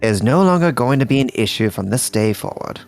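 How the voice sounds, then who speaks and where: A man voicing a weary male demon who speaks with dry, unhurried mock formality in an amateur visual novel reading. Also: mid-range voice, animated, soft background music, natural voice. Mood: calm.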